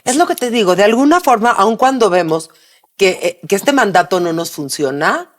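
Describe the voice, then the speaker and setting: A woman's voice: medium pitch, big pitch swings, normal speed. A woman, co-hosting a podcast and making her points emphatically. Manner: emphatic, argumentative. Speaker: podcast co-host. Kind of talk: conversational podcast.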